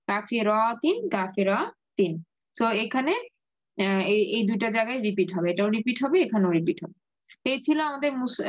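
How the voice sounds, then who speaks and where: A woman's voice: fairly high pitch, dry recording, highs cut off. A woman teacher with a Bangladeshi Bengali accent giving an online grammar lesson, patiently repeating key words and answering her own questions. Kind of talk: online class lecture.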